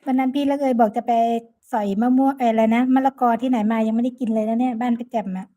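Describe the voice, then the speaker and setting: A chatty woman with a Northeastern Thai Isan accent talks to her live-stream viewers, greeting and thanking each by name. Her voice sits a little high yet sounds mellow and soft. She speaks into a phone. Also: steady tone, fast. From Sakon Nakhon, Northeast Thailand.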